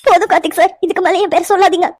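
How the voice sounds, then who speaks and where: A woman's voice: very high voice, fairly even intonation, rapid-fire, no room sound. A woman voicing a young cartoon woman who is hurt and angry with her lover, pressing him with accusing questions. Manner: accusing, tearful, insistent questions. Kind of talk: cartoon voice acting.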